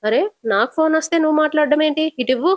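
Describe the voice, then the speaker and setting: A woman's voice: sits high, fast talker, no echo, studio quality, voice pushed up, close to an everyday voice. A woman telling it as a blunt teasing cab driver. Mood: brusque. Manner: teasing, probing questions.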